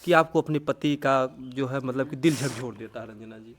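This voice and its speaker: A man's voice: medium pitch, normal speed. A man interviewing a woman for a news-style video, talking in an earnest, sympathetic way.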